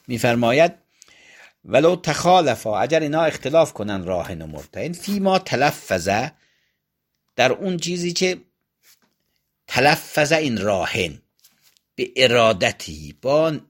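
Lively man lecturing on law texts. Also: medium pitch. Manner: reads Arabic text aloud, then explains it in colloquial Persian; acts out both sides of a dispute. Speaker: teacher of Islamic jurisprudence. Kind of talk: lecture explaining a classical Arabic legal text.

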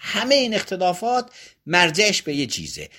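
A man gives a lecture on Islamic jurisprudence, reading lines from a classical Arabic text and unpacking each one in relaxed everyday Persian. He acts out the arguments of both parties. His voice sits somewhat high and swings widely in pitch. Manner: reads Arabic text aloud, then explains it in colloquial Persian; acts out both sides of a dispute.

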